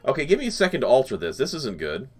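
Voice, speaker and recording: Male let's-play host, casual, rambling, lively intonation. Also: medium pitch, fast, faint music behind. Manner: rambling, joking, chuckles often. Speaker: gaming channel host.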